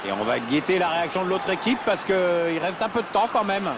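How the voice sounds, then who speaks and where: Male football co-commentator amid loud stadium noise. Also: high voice, very animated, brisk. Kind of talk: analytical sports commentary in a video game. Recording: loud stadium ambience behind voice.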